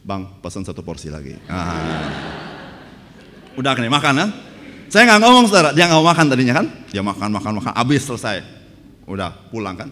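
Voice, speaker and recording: A fairly low-voiced male pastor delivers a sermon built on funny stories, regularly checking in with "right, brothers and sisters?" He speaks fairly quickly and very animatedly, his preaching swelling in volume and fervor. Church hall reverb and a faint hum of background noise fill the recording.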